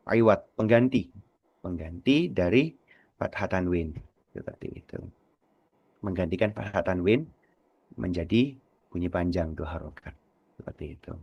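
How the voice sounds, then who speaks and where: Man, radio tajwid teacher, patient and repetitive, low voice, dull lo-fi dry broadcast sound. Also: no room sound. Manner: slow, patient, repeats words to demonstrate. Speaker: Quran recitation teacher.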